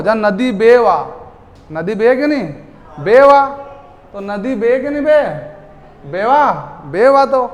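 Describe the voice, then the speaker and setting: A man teaching a class in a lively lecture style. He keeps asking the students questions and then answers them himself. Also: extremely high pitch. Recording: long hall reverb.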